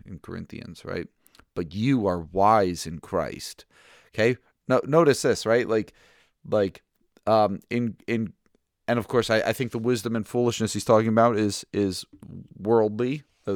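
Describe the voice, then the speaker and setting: A man with a lowish voice teaches through scripture in a relaxed, conversational style. He thinks out loud, circles back to restart his phrases, and keeps checking in with listeners. The sound is close and dry, with no room around it. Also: vocal fry, no room sound. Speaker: podcast host teaching through a Bible reading plan. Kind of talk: casual Bible teaching commentary.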